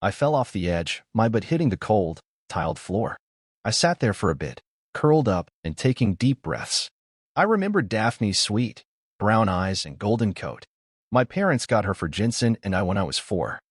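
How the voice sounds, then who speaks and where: A man reading a scripted horror story aloud as narrator, with a lively, expressive delivery. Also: lowish voice, moderate pace, slightly rough, no echo, clean studio sound.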